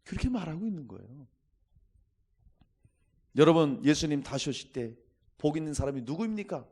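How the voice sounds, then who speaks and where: A man's voice: a little high, a little mellow. A man preaching a Sunday sermon as pastor, emphatic and exhorting his congregation again and again.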